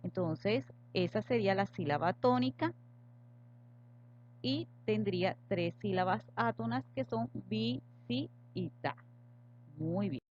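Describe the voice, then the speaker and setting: A woman teacher talks students through a grammar lesson in an even, patient voice. She slows down and leans on each example word. The recording is a little muffled, with a faint hum underneath. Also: medium pitch. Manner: patient, stresses example words slowly. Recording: slightly dull lo-fi audio with faint hum.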